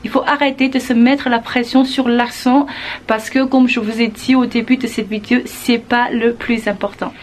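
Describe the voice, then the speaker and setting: A woman teaching in a calm, encouraging manner, explaining step by step with some hesitant fillers. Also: fairly high pitch, moderate pace, a little hiss or hum. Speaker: French teacher. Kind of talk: casual video lesson.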